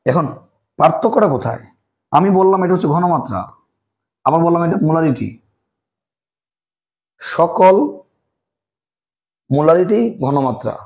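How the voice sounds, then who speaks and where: Male chemistry tutor, mellow, dark tone, self-answering quiz style. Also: on the high side. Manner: asks questions and answers them himself, repeats key terms. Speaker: chemistry teacher. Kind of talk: classroom lecture.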